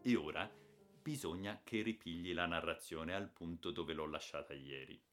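A man reading a children's novel aloud as an expressive audiobook narrator. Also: deep voice, moderate pace, faint music behind. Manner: expressive, lively storytelling.

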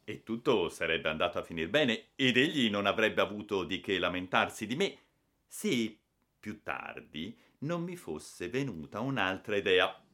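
A man narrating a storybook in an expressive reading style. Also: fairly low pitch. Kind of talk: audiobook reading.

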